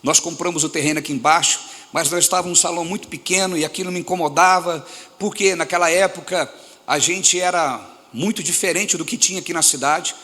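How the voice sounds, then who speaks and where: Forceful Brazilian preacher in an echoey hall. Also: male voice, on the high side, brisk. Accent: Brazilian Portuguese. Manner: animated preaching that throws questions at the congregation. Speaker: pastor. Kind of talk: sermon. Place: church hall.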